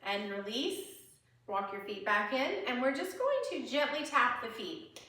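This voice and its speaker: A woman leads a chair yoga class, cueing each move with the breath and staying encouraging and chatty with small laughs. Her fairly high voice swings widely in pitch, sounds sharp and keeps a measured pace, picked up by a distant mic in an echoey room.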